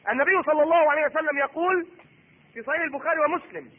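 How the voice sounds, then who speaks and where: A middle-aged man preaching a sermon in an Egyptian Arabic accent. He is animated and acts out the voices of husband and wife. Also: extremely high pitch, rapid-fire. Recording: husky voice on tinny phone-like recording.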